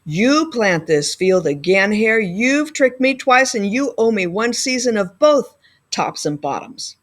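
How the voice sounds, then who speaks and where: A woman's voice: on the high side, big pitch swings, unhurried. Woman putting on a sluggish, grumpy storybook bear. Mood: grumpy, indignant. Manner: sluggish, grumbling. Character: big sleepy grumpy male bear, easily fooled.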